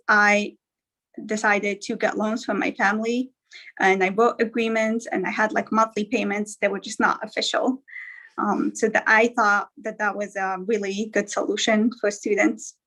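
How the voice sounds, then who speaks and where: A woman's voice: medium pitch, a bit bright, low-quality recording. A young woman from Algeria, a guest speaker talking casually and a little hesitantly on a live stream, with many fillers and restarts.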